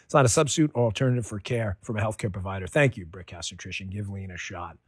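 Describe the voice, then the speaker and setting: A man doing a host-read radio ad, animated and punchy, in a personal pitch. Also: fast, slightly rough, dry recording.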